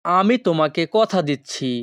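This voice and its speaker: A man leads a phrase-by-phrase language lesson, his voice a little high and very smooth. He reads each phrase at a very slow, deliberate pace and then gives its meaning briskly. The sound is close and dry, with no room around it. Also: expressive, a bit bright, no room sound. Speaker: language teacher.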